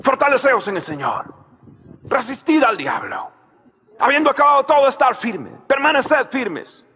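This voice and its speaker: A man preaching a sermon as pastor, telling a story and shouting out key lines while he asks the crowd to answer him. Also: very high voice, sing-song, unhurried, slightly rough, big-room sound.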